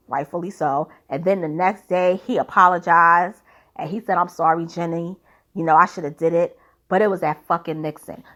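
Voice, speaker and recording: A woman's voice: mid-range voice, fairly bright tone. A woman giving casual, opinionated commentary in an emphatic, blunt, colloquial way.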